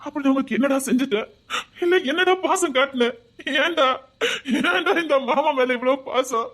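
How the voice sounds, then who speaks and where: A woman's voice: sits high, normal speed, fairly bright tone. A woman playing a lonely, remorseful village uncle with a Tirunelveli accent, talking in an emotional, pleading, tearful way in a web drama. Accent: Tirunelveli Tamil.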